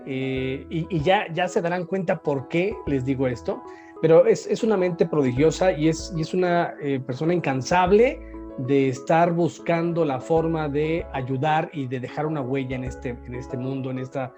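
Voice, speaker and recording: An interview host introducing a guest at length and asking questions, pausing and restarting often. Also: mid-range voice, faint music behind. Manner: warm praise, many hesitations and restarts.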